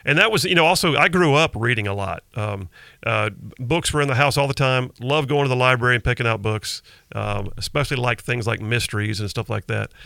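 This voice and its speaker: A middle-aged talk radio host delivers a conversational monologue in a folksy, emphatic storytelling style, close on a studio broadcast microphone. His voice is medium-pitched, creaky and sharp-toned, with no room sound.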